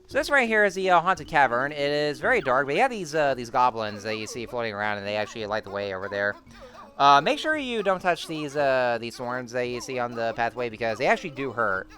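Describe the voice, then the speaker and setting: A man's voice: on the low side, bright, forceful tone. A man giving casual, rambling game commentary full of fillers and restarts. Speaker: let's-play host.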